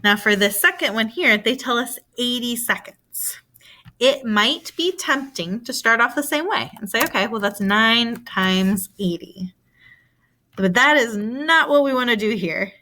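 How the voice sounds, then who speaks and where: A woman's voice: on the high side, expressive, measured pace, pushed and bright. A woman, possibly a young adult, teaching a recorded math lesson, patiently walking through a problem by asking and answering her own questions.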